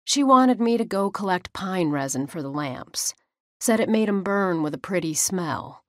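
A woman's voice: fairly low pitch, lively intonation, normal speed, fairly bright tone, no room sound, studio quality. A woman with a drawl, narrating an audiobook in first person in a folksy way.

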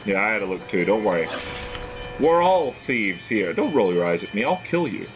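A man's voice: lowish voice, sing-song, normal speed. A man giving casual, playfully sarcastic commentary as he plays a video game, muttering asides. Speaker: gamer. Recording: game music behind voice.

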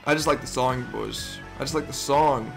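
Reacting to a gaming montage with music playing, a young YouTuber in his twenties keeps a moderate pace and medium pitch despite a hoarse, almost lost voice. He's excitable and foul-mouthed, stammering and laughing into an over-ear headset in his bedroom.

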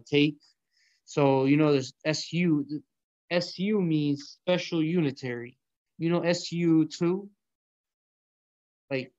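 A man's voice: a little high, a little mellow, no room sound, lo-fi sound. A young man from Colombia hosting an online audio room, chatting casually about food and math in loose slang peppered with swearing. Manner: laid-back, profane slang with bro and yo. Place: small indoor room.

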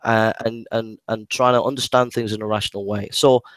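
A man's voice: fairly low pitch, flat delivery, fairly quick, no room sound. Hesitant man in a dry debate. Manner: hesitant, many restarts and repeated words. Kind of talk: casual debate.

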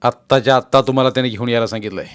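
A man voicing a brusque messenger who delivers police orders in a loud, commanding tone in an audiobook. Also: mid-range voice, very fast, smooth, close to an everyday voice.

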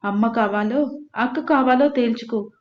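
A woman reading the part of a bedridden mother, scolding loudly and bitterly. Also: fairly high pitch, normal speed, a little hiss or hum, close to an everyday voice. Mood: furious scolding. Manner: shouting, scolding. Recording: echoey room, dull lo-fi.

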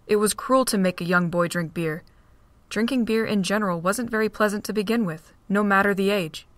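A woman narrating an amateur audio drama with an even, steady reading. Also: fairly low pitch, no echo.

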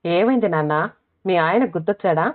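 Storybook middle-aged mother, read by a woman, fond, fussing, gentle scolding, tinny sound. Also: mid-range voice, lively intonation, brisk, lightly acted. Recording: tinny phone-like audio.

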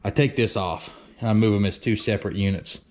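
A man with a lowish, darkish voice talks fairly quickly as he casually narrates a job in his woodworking shop for a workshop vlog. Plainspoken, he thinks aloud with fillers and the occasional mild curse.

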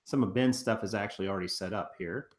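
A man's voice: lowish voice, fast. A man in his thirties co-hosting a casual chat from a living room couch, rambling with fillers and restarts while walking through photos. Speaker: co-host of a reselling channel.

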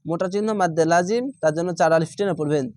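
His voice a little high and slightly mellow, a man talks very fast while teaching Quran reading, patiently spelling out Arabic letters and syllables one by one. He's methodical, repeating syllables and stretching the long vowels for learners, in a dry, clean studio recording.

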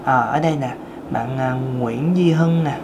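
A man's voice: mid-range voice, measured pace, noisy background. A man with a thin, light tenor voice, chatting casually through a singing lesson, joking about himself and singing scales. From Vietnam. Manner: chatty, self-joking, sings scales in demonstration. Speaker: singing teacher.

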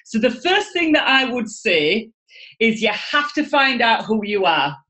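On a video call from a room at home, an enthusiastic guest speaker from Yorkshire, England gives an animated motivational talk, expressive and gesturing a lot. Her voice is a little high and measured, and the webcam audio is poor.

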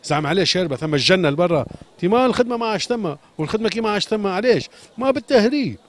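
Rapid agitated Tunisian shoemaker, high voice. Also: male voice, lively intonation. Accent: Tunisian Arabic, Sfax. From Sfax, Tunisia. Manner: agitated, repeats questions, pleading. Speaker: shoemaker interviewed on the street. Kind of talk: street interview, impassioned complaint.

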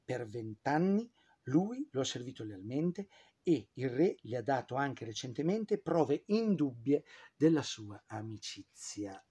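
A man's voice: medium pitch, big pitch swings, a little slow, mellow, slightly rough. A man telling history in an informal, chatty way, with frequent fillers and sarcastic asides. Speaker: history presenter.

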